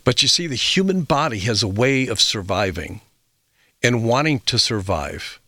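A man's voice: medium pitch, lively intonation, moderate pace, pushed and bright, no echo, clean studio sound. A middle-aged man hosting a health radio show, telling reflective stories with fillers and restarts. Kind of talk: radio talk monologue.

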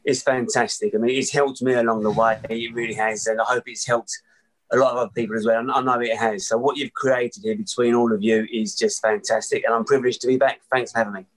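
A man from Essex with an Essex accent speaks as a podcast guest. His voice sits at an ordinary middle pitch, and he tells personal stories in a casual, conversational way. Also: level tone, fast, rough recording. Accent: Essex English. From Essex, England.

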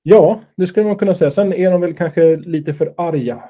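A man's voice: high-pitched, mellow. A man co-hosting a casual podcast chat, explaining things with fillers and restarts and teasing his partner. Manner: chatty, explains with hesitations and fillers; teasing, playful. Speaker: podcast co-host.

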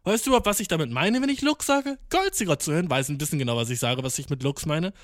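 A man's voice: fairly high pitch, expressive, fast talker, no room sound, clean studio sound. A young man, rambling ironically in casual slang and mixing in English words. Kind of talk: casual monologue to camera.

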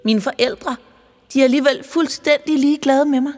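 A woman voicing an unhappy young boy who complains quickly about his family in a children's audiobook. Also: high-pitched, long reverb tail, pitched above the performer's own voice, lightly acted. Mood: complaining.

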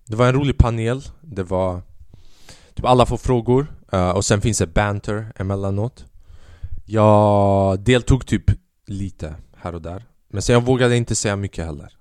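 A young man hosting a podcast, telling a long story in a rambling, self-mocking way and acting out quotes in a higher voice. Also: a little mellow, clear, resonant tone, no room sound, clean studio sound. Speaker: podcast host. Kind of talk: casual storytelling monologue.

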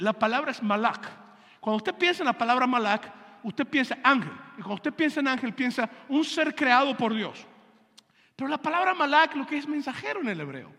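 High bright-voiced male pastor in reverberant hall. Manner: has the congregation repeat terms and checks they follow. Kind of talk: teaching sermon.

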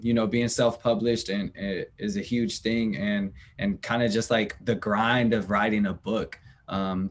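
A man's voice: lowish voice, a little hiss or hum. Laid-back male podcast host. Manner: loose, full of fillers and restarts. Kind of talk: casual interview chat. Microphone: remote interview call.

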